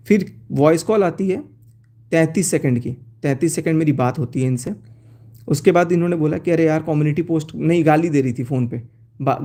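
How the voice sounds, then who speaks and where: A man's voice: fairly high pitch, dark tone. A man on a phone live stream, explaining at length and reading out chat messages, with restarts. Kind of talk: casual live-stream account, reading out chats.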